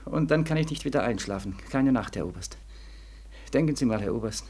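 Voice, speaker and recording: In a 1940s German radio drama, a man plays a bitter, sleepless young war veteran who has just returned home and is haunted by it. His husky, darkish, medium-pitched voice is expressive and a little fast, feverish and sardonic. He repeats himself and swings from weary murmurs to anguished cries, the mood haunted and intense.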